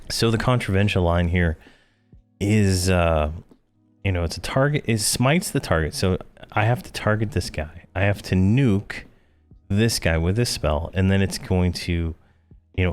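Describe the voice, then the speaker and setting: Tired man, deep voice, rambling game commentary, fillers, faint music behind. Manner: rambling, thinks aloud with fillers. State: tired, yawning. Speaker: game guide creator. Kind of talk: casual gameplay commentary.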